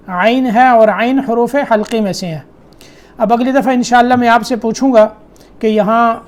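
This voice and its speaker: A middle-aged man teaching Quran recitation, correcting students with brisk explanations and quick questions. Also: extremely high pitch, a little mellow. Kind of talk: tajweed lesson correcting students.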